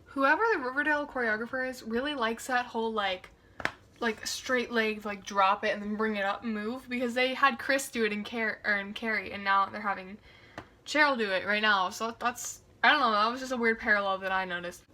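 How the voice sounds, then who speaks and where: Wry, bright-voiced young woman. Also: a little high, fairly quick. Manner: chatty and wry, with frequent "like" fillers and amused asides. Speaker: video reactor. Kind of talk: casual reaction commentary.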